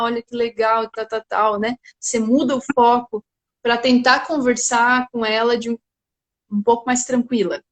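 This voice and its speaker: A woman's voice: a little high, fairly bright tone. A woman speaking at home in a live talk as a parenting guest, often ending phrases with "né?". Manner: tags sentences often with 'né?'. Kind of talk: casual explanation in a live talk.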